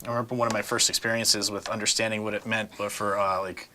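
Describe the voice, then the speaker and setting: A man's voice: lowish voice, little pitch movement, quick pace, pushed and bright, slight background noise. A middle-aged man on a panel, talking casually with many fillers and restarts and frequent laughs.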